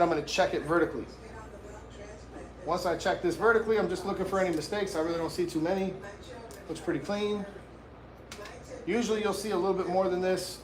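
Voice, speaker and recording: A man's voice: sits high, roomy sound. A man hosting a live haircut tutorial as a barber, talking casually and in slang straight to his viewers. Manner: informal, slangy, addresses viewers directly. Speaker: barber and livestream host giving a haircut tutorial.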